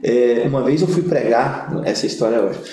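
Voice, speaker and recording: There's slight background noise as this young pastor from Brazil speaks briskly in a mid-range voice. Recorded in an echoey room, he animatedly tells funny stories in a casual interview, imitating the people involved.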